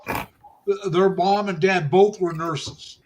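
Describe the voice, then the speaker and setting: A man's voice: high-pitched, steady tone, slow pace, a little mellow, a little hiss or hum. A man in his sixties chatting casually on a livestream, rambling and often restarting his phrases. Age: 60s. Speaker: co-host.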